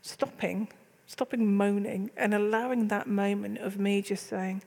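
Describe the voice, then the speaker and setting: A woman's voice: medium pitch, steady tone, a little slow, vocal fry, mellow. Woman, middle-aged church leader, chatty and candid, host of a casual faith talk.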